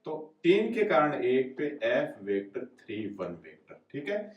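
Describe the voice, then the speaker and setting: A man's voice: mid-range voice, huge pitch swings, unhurried, far from the mic, highs cut off. A male physics teacher gives a classroom lecture with a Hindi accent. He keeps asking questions and answering them himself. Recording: roomy echo, voice away from the mic.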